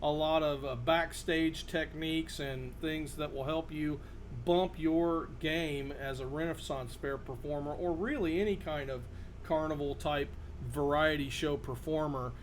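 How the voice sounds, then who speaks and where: A man giving a casual, halting demonstration to camera as a performer showing a card trick. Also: on the high side. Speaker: magician and performer presenting his card trick. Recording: noticeable background noise.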